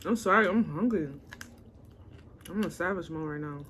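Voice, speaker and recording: A woman's voice: fairly low pitch, normal speed, fairly bright tone, slight background noise. A woman hosting a mukbang eating show, chatting casually and murmuring with enjoyment between bites. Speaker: mukbang host.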